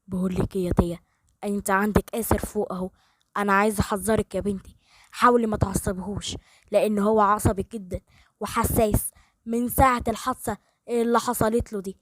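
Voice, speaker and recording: A woman's voice: medium pitch, steady tone, fast talker, no echo, lightly acted. A woman voicing a worried middle-aged father who coaxes earnestly, with an Egyptian Arabic accent. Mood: cautious. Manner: coaxing and earnest.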